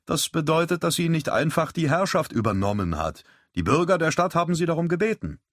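A man's voice: fairly high pitch, very animated, a little fast, no echo, clean studio sound, pitched above the performer's own voice. A man voicing a good-humoured, bossy male quartermaster on a ship. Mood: explaining.

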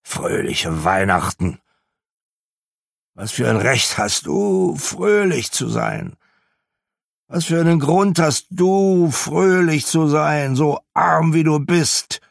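A man's voice: fairly high pitch, lively intonation, takes it slowly, vocal fry, no echo, clean studio sound, voice pushed up, heavily acted. A man voicing a grumpy, miserly old man who snarls out scornful outbursts. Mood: gruff.

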